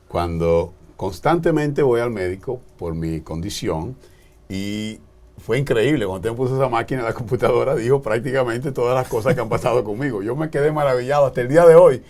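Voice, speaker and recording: A Dominican man with a fairly low voice and a Dominican Spanish accent hosts a TV talk show at a brisk pace. He's expressive, becoming more emphatic as he tells stories.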